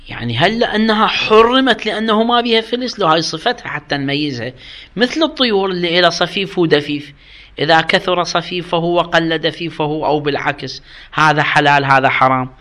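A man's voice: fairly high pitch, bright, forceful tone. A man with an Iraqi Arabic accent teaching a seminary jurisprudence lesson, reading out rules and explaining them with questions to his students. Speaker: religious studies teacher.

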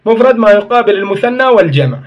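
High-voiced man teaching grammar. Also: lively intonation, quick pace, muffled recording. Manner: explains step by step, asks and answers his own questions; corrects himself mid-sentence. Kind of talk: classroom grammar lesson.

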